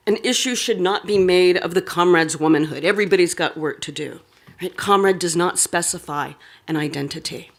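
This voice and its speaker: Woman lecturer, measured reading from a prepared text, mid-pitched voice, academic talk. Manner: reads a prepared text, with asides and fillers. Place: lecture hall.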